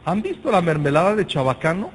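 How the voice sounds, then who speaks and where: A man with a Mexican accent preaching a sermon, telling a personal story with lively shouted exclamations and casual slang. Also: sits high, fast, a little hiss or hum, poor audio. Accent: Mexican Spanish.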